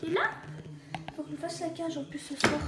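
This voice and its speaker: High-voiced hoarse woman vlogging. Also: animated, normal speed. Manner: rambling, chatty, slangy. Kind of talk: casual vlog chat. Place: at home. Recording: roomy and noisy home recording.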